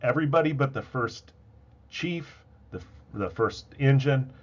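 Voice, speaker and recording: A man's voice: medium pitch, moderate pace, lo-fi sound. A man teaching as a fire training instructor, laying out points step by step with emphasis. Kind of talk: instructional lecture.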